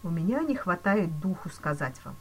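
A woman's voice: on the low side, big pitch swings, normal speed, slightly rough, full character voice. A woman voicing a male police chief who delivers dire news in a grave, regretful manner in a storybook reading. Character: solemn, mock-sympathetic male police chief.

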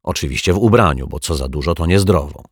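Deep-voiced, playful storyteller man. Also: expressive, fast, breathy edge, no echo, studio quality. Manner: playful, asks the listener questions. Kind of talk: children's audiobook narration.

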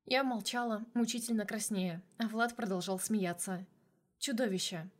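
A woman narrates a first-person novel, her voice sitting at a middle pitch. She tells the story in an even, steady storytelling manner. It is a calm audiobook reading. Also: normal speed.

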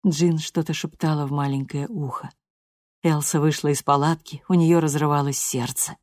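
A woman with a low voice reads a novel aloud in measured, expressive scripted narration. The sound is dry and close, with no room behind it. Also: no echo. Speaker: audiobook narrator.

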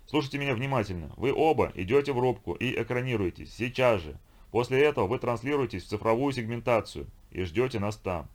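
A man's voice: medium pitch, animated, fairly quick, voice pushed up, close to an everyday voice. A man voicing a brutal viking pirate chieftain in an audiobook, barking orders and threats. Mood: commanding. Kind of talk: audiobook character voice.

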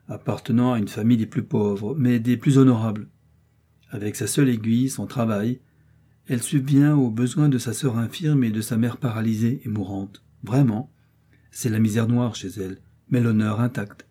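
A man reading the part of a calm, assured detective's agent who explains things in a measured, reassuring way. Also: medium pitch, husky, close to an everyday voice.

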